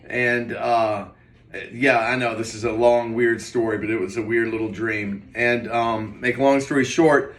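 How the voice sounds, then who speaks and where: A man's voice: medium pitch, fairly even intonation, measured pace, fairly bright tone. A man casually rambling through a personal story, recounting a dream in a hazy, puzzled way with trailing, hesitant phrases. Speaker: vlogger. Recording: roomy echo, distant mic.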